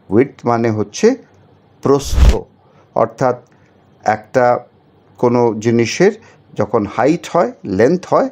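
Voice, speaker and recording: A man's voice: mid-range voice, a little mellow. A man teaching a children's spelling lesson, patiently spelling words out letter by letter and asking the viewers questions.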